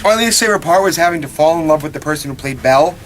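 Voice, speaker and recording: A man's voice: on the high side, expressive, very fast, background noise. Joking teenage boy, casual interview. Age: teens. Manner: joking, teasing. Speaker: high school actor.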